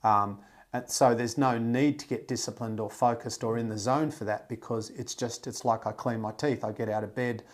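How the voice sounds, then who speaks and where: A man's voice: medium pitch, moderate pace. A man hosting a podcast, talking bluntly and emphatically, swearing freely. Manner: restarts and fillers, animated delivery. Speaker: podcast host. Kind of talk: casual podcast conversation.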